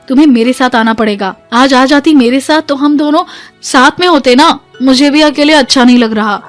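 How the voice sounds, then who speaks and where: A woman voicing an insistent young husband who presses his wife, in her own fairly high voice. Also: close to an everyday voice.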